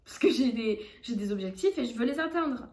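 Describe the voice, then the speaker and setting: A woman's voice: on the high side, animated, fairly quick, darkish tone, reverberant. A French woman giving casual fitness advice in a vlog, chatty, with many fillers and restarts. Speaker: fitness coach.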